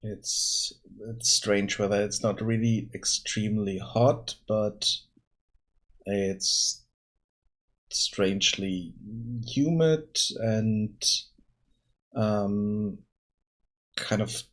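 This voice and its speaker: A tired man casually thinking aloud while working on his game during a live stream, pausing and restarting often. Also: on the low side. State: tired, yawning.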